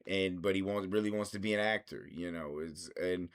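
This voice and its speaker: A man's voice: low-pitched, normal speed, clear, resonant tone. A man reviewing films in a rambling, casual monologue, swearing constantly. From United States. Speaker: film reviewer.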